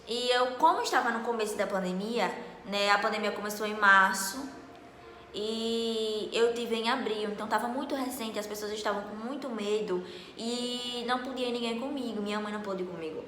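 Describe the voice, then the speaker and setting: A young woman, casually telling a story to camera in an animated, dramatic way. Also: mid-range voice, a little fast, a little hiss or hum. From Northeast Brazil. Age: late teens. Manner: animated, dramatic, acts out dialogue loudly. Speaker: vlogger. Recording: echoey room with long reverb.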